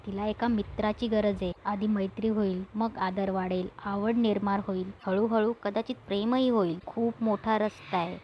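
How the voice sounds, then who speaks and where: A woman's voice: medium pitch, steady tone, normal speed, few pauses, close to an everyday voice. Woman reading as a patient counselling mother. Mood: gentle. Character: caring middle-aged mother counselling her son. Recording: muffled with faint hiss.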